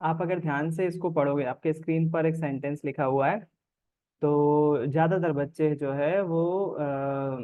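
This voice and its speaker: A man teaching an online class in a slightly high voice. He explains in a relaxed, conversational way and keeps checking that his students follow. The recording sounds dull and lo-fi. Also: unhurried.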